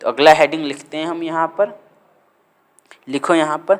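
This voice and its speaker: A man teaching a grammar lesson, dictating words slowly and repeating them for students to write down. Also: fairly high pitch.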